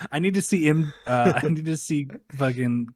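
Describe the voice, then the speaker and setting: A man's voice: a little high, measured pace, darkish tone, no echo, studio quality. A young man co-hosting a casual chat, rambling and joking with frequent laughs. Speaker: co-host.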